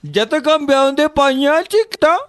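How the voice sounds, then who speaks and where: A man's voice: very high voice, animated, slow, dry recording. Man cooing baby talk into a phone. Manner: baby talk, teasing and persistent. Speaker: prank caller. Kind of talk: prank phone call.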